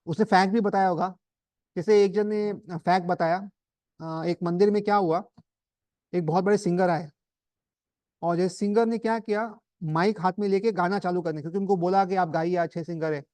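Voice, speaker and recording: Male spiritual teacher, high voice, dry recording, chatty storytelling sermon style. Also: steady tone, moderate pace, a little mellow, no room sound. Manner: conversational, anecdotal, mixes English terms. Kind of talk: Hinglish devotional talk to a group.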